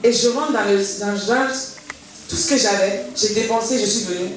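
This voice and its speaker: A woman's voice: mid-range voice, normal speed. Woman telling her story in an echoey hall. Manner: animated, acts out remembered dialogue. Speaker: church member giving testimony. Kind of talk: personal testimony, storytelling. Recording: very echoey hall, voice from far off, faint noise.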